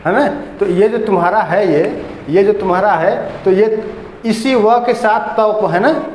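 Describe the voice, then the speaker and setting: A man leads a grammar lesson in a classroom, asking his students the same thing over and over and correcting them patiently. His voice sits high and unhurried. The room rings with a long, roomy echo. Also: a little mellow, slight background noise. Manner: drills students with repeated questions. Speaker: teacher. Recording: echoey classroom with long reverb.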